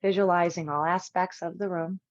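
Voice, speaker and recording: In this guided meditation, a woman with a rather low voice, working as a yoga teacher, delivers soothing, deliberate phrases with long silences between them. Her tone holds steady throughout. The audio sounds a bit dull and quite dry, with no echo.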